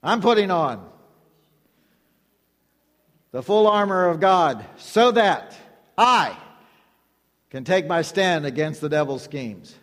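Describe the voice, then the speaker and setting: Male preacher, higher-pitched voice, emphatic repetitive delivery with call-and-response, long hall echo. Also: lively intonation, slow pace, pauses often. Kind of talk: sermon.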